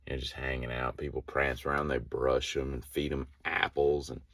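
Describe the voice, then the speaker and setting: A man's voice: a bass voice, level tone, normal speed, fairly bright tone, no echo, studio quality. A man telling a rambling everyday story in a daily vlog, full of fillers and acted-out quotes. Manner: rambling, many fillers, acts out quoted voices. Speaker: daily vlogger. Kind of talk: casual storytelling monologue.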